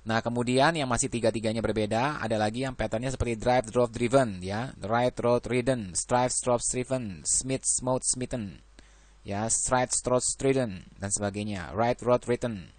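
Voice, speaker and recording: A man's voice: medium pitch, measured pace, darkish tone, no room sound. A man teaching an English grammar lesson, working through verb lists and adding "ya" after nearly every phrase.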